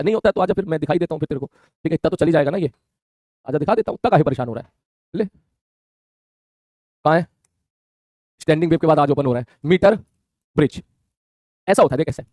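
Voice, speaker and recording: A man teaching a physics lesson online, talking in a quick, colloquial way and checking in with his students constantly. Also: high voice, darkish tone, dry recording, clean studio sound. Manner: rapid colloquial Hindi, calls students "mere bhai", frequent "theek hai".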